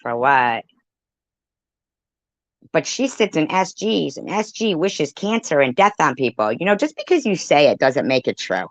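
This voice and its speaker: In a sing-song, medium-pitched voice at a measured pace, a commentator gives indignant, off-the-cuff reactions to a livestream clip, cursing and repeating phrases for emphasis. There's no room sound, and the audio is dull and lo-fi.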